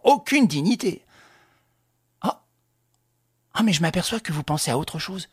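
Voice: mid-range voice, very animated, unhurried, breathy edge, dry recording, clean studio sound, full character voice. A reader voicing a young officer who talks to his prisoner in a mock-friendly, sarcastic tone. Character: mocking young French officer, coldly ironic.

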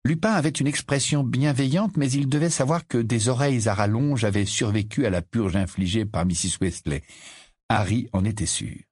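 A man reading a novel aloud as an audiobook narrator, with a measured, expressive delivery. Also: mid-range voice, slightly rough, no echo, clean studio sound. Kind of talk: scripted narration.

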